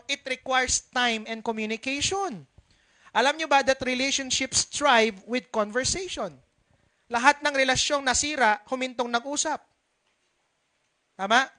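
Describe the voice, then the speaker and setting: A man's voice: extremely high pitch, sharp tone. A male pastor giving a conversational sermon, switching between Filipino and English and asking his congregation questions.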